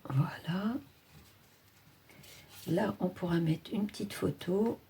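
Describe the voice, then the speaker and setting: A woman's voice: lowish voice, takes it slowly, vocal fry, dark tone, a little hiss or hum. A woman hosting a casual crafting tutorial, chatting and thinking aloud as she works.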